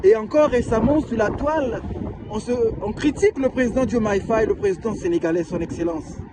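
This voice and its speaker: A man from Brazzaville, Republic of the Congo, speaks with a Congolese French accent and a high, brisk voice against a noisy background. He is an author delivering a passionate personal testimony packed with rhetorical questions.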